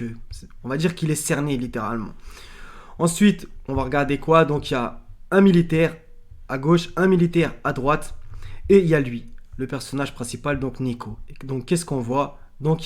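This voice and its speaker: A man, talking casually and unscripted, halting and restarting often and checking in with the listener. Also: mid-range voice. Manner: many fillers and restarts, often asks "d'accord?". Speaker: video commentator. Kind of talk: casual analysis talk.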